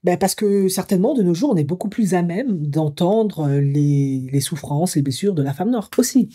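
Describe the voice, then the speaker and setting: Partly reading an article aloud in her commentary vlog, this African psycho-emotional coach thinks aloud in a musing, hesitant way with plenty of fillers. Her low, husky voice is warm and animated, and she talks at a moderate pace.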